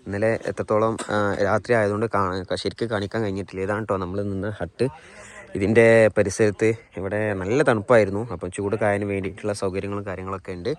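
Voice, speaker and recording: A man with a fairly low voice and a Malayali accent narrates a travel vlog as he shows places around. His talk is casual, and he mixes English words into his Malayalam. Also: little pitch movement, fast. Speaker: travel vlogger.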